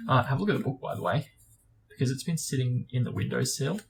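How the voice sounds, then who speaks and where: This book discussion host has a mid-range, creaky voice with lively intonation, and he talks fast. He alternates between reading aloud and loosely phrased casual chat, hesitant and full of "like" and "sort of," over a faint hiss or hum.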